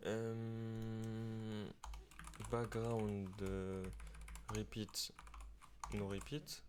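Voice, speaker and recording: A man teaching web development over a screen recording, talking in a halting way with many fillers and restarts. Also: on the low side, monotone, background noise. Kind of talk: screen-recorded coding tutorial.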